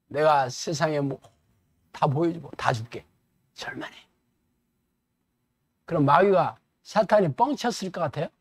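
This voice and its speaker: Animated colloquial male pastor preaching. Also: sits high, no echo. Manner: animated, colloquial, rhetorical questions. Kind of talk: sermon lecture.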